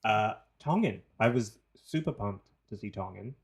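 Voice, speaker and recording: His voice is on the low side and gravelly, with lively intonation at a normal speed. He's a New Zealander with the local accent, co-hosting a laid-back podcast where he swears and bounces between subjects.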